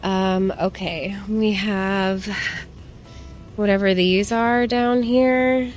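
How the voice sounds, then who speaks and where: A woman's voice: mid-range voice, fairly even intonation, extremely slow, faint music behind. A woman chatting casually to viewers in a shopping haul vlog, informal and rambling as she browses and remarks on items. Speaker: plant shopping vlogger. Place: plant shop.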